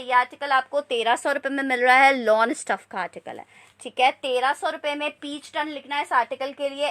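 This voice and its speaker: A woman hosts a live shopping stream. Her voice is high and bright, with a forward edge. She repeats details in a steady sales patter and breaks off to chat casually with viewers. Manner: repetitive selling patter, repeating prices and sizes. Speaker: live online clothing seller.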